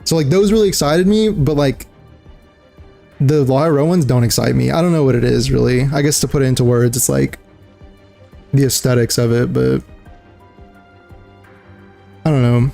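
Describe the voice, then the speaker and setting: A man's voice: medium pitch, moderate pace, vocal fry, pauses often, warm tone, faint music behind. A young man streaming a game and chatting casually, rambling with lots of fillers and calling people dude and bro. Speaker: livestreamer. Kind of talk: casual gaming chat.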